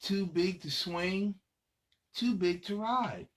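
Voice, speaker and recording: A man with a high-sitting voice reads picture books aloud slowly to children, hosting in a casual, conversational way and adding asides to his young listeners.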